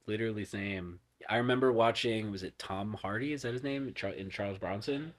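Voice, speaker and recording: A man guesting on a podcast, telling a story in casual chat, rambling with lots of fillers and dropping to soft murmurs. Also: lowish voice, brisk.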